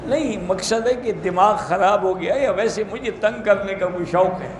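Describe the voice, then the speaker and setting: A man, an Islamic scholar, giving brisk, plain-spoken answers to religious questions in a question-and-answer talk. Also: high-pitched, noisy background. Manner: plain-spoken, brisk, matter-of-fact rulings. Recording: echoey room.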